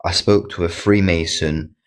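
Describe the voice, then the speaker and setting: A man's voice: low-pitched, fairly even intonation, measured pace. A man chatting casually on a live stream, often stumbling and repeating words as he talks. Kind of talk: casual chat.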